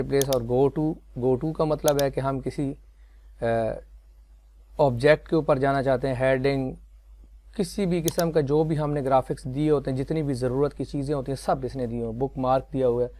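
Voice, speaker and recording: A man explaining a computer tutorial step by step, unhurried and with many fillers. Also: medium pitch, vocal fry, darkish tone, a little hiss or hum. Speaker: software tutorial teacher. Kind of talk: screen-recorded tutorial.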